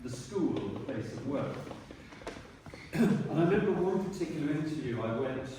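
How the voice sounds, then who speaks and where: A man, a retiring teacher giving a rambling speech at a dinner and often clearing his throat. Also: fairly high pitch, animated, moderate pace. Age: 60s. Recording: echoey hall from far off, noisy.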